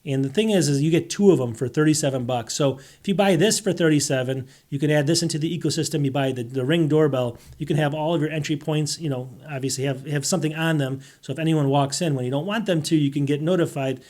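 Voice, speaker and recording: Guy rattling off tech deals super fast, kinda high voice, keeps cutting himself off, voice going a bit hoarse. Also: a little mellow. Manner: rambling, self-interrupting, asks rhetorical questions. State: losing his voice. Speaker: tech deals video host. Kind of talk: casual tech deals walkthrough.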